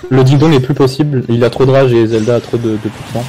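A man's voice: mid-range voice, fairly even intonation, quick pace, warm tone, rough recording. A man doing casual esports caster play-by-play, informal, slangy and reactive. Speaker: esports commentator. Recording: faint music behind voice.

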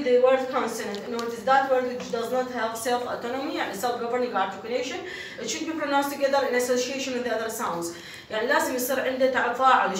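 An Iraqi woman lectures in a high voice, going back and forth between Arabic and slow, careful English. She repeats each point and keeps checking in with her listener. The sound is distant and very echoey, with a faint hiss underneath. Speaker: university phonetics lecturer. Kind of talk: classroom lecture. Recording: echoey room, mic far from speaker, faint noise.

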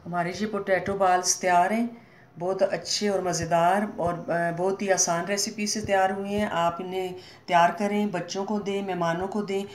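A woman walks through a home recipe in a calm, step-by-step way, pausing briefly between ingredients. Her voice sits fairly low for a woman. The room is echoey, with a faint hum of ambient noise behind her. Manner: calm, step-by-step explaining with Urdu-flavoured words and short pauses. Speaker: cooking channel host. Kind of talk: home cooking demonstration.

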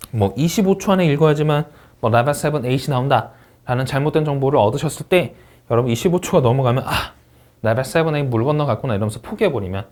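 Lively-voiced male test-prep lecturer. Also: mid-range voice. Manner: emphatic teacherly delivery, reads English words aloud for students to repeat. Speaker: English speaking test instructor. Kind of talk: online exam-prep lecture.

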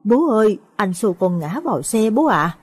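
A woman's voice: medium pitch, big pitch swings, normal speed, husky, dry recording. A woman voicing the ghost of a small boy who died, speaking in a tearful, pleading child's voice in an audio story. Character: dead little boy's ghost, grieving and pleading.

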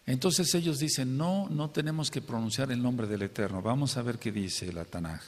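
A man's voice: medium pitch, moderate pace, long reverb tail. A male preacher teaching a Bible study sermon, emphatic, often asking the congregation to say amen and checking that they follow. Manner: emphatic, asks the congregation for amens and checks understanding.

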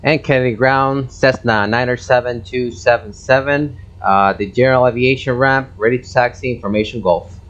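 A man whose first language is Spanish radios a controller as a pilot through a cockpit headset, reading back instructions slowly and carefully with hesitant fillers. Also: mid-range voice, fairly even intonation, fairly bright tone, muffled recording. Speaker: flight sim pilot on an online network. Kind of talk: pilot radio calls and readbacks.

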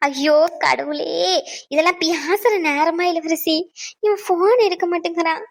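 A woman's voice: extremely high pitch, fairly even intonation, brisk. A woman voicing an anxious middle-aged village mother who wails and laments about her son. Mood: lamenting. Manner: wailing, lamenting.

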